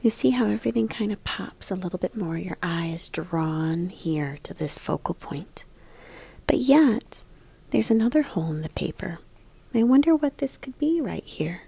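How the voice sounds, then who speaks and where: This woman's mellow, breathy, soft-edged voice sits lowish and often creaks as her phrases end. As an elementary art teacher, she guides young kids through a picture book at a moderate pace, with lively intonation and questions that prompt them to look closely.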